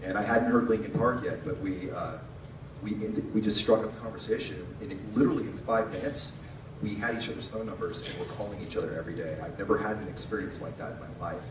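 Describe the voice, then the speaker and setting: A middle-aged man delivering an informal funeral eulogy, tender and faltering, with halting pauses and repeated words. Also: on the low side. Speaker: eulogist, friend of the deceased. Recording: echoey, distant microphone, noisy room.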